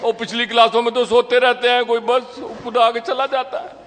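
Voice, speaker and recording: Brief: male lecturer, high voice, chatty sermon full of questions to the crowd, long reverb of a temple hall. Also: little pitch movement, normal speed, fairly bright tone. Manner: conversational, teasing the audience with questions. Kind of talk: Sunday sermon.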